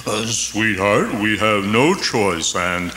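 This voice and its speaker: A man's voice: fairly low pitch, animated, takes it slowly, echoey room, background noise. A man playing a sick, fretful Santa, groaning and plaintive in a comic audio drama. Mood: resigned. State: sick, coughing. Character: sick, fretful Santa Claus, grown son.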